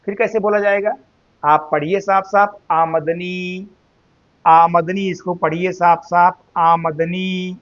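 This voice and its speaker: Male Hindi teacher, high voice, unhurried drilling delivery, dull lo-fi sound. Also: steady tone. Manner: slow, drawn-out repetition of words, addresses students as "beta". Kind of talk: spelling and grammar lesson.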